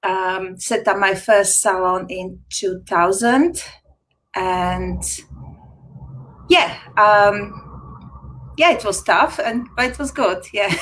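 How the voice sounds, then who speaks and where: A woman's voice: medium pitch, very slow, pauses often, a bit bright, a little hiss or hum, low-quality recording. Give me a laughing woman on a video call. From Slovakia. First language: Slovak. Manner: chatty, laughs often, loose grammar. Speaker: guest, retired dog groomer. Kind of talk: casual interview chat.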